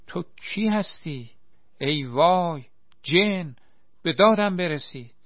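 A man's voice: expressive, no echo, lo-fi sound, lightly acted. A man voicing a big, bearded, timid young volunteer who cries out in fright. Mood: terrified. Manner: frightened, high-pitched cries.

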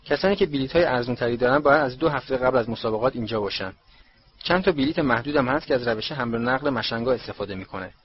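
A man's voice: medium pitch, slight background noise, lightly acted. A man voicing a kindly middle-aged father who patiently explains things in a storybook reading. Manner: earnest, explaining. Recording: dull lo-fi recording.

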